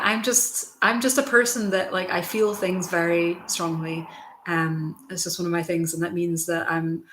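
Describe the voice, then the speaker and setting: A woman's voice: fairly low pitch, pushed and bright. A young woman chatting casually with her viewers on a livestream, rambling with lots of fillers. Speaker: livestream host. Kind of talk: casual chat. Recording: roomy echo.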